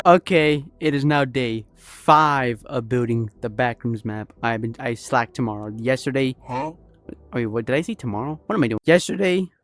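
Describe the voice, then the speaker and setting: A young man casually narrating his progress building a level in a VR game, chatty and rambling, often correcting himself. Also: medium pitch. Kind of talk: casual gaming vlog narration.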